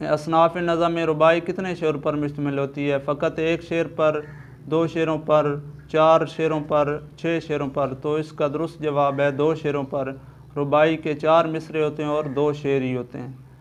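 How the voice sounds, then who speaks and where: Male exam-prep teacher, Urdu-speaking Pakistani accent, smooth clear tone, flat measured delivery through quiz items. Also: a little high. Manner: steady, methodical, lists options then gives answer. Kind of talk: reading quiz questions and answers.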